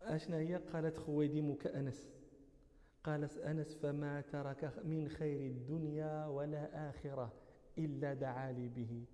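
A man's voice: a little high, little pitch movement, moderate pace, dark tone, big-room sound. A man with a Moroccan accent teaching a religious lesson, explaining a text patiently and correcting himself as he goes. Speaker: teacher of hadith.

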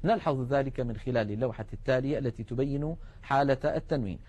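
A man giving a calm, step-by-step lesson on recitation rules, slowing down to spell out each example. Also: mid-range voice. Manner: measured, explanatory, slows to spell out examples. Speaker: Quran recitation teacher. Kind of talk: televised tajweed lesson.

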